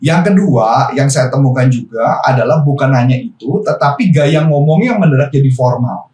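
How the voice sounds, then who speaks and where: A man coaching on business calls in a relaxed, explanatory way, slipping in casual slang and English phrases. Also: mid-range voice, moderate pace. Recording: echoey room from far off.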